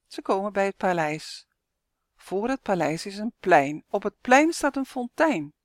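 Woman narrator, children's storybook, slow pace, lively pitch, dry close sound. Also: dry recording. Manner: slow, clear and expressive. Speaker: author and narrator.

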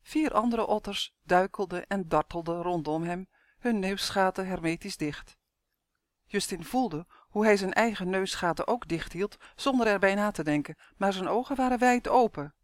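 An audiobook narrator reading a children's story aloud, with expressive storytelling and shifting pitch. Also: normal speed, dry recording, clean studio sound.

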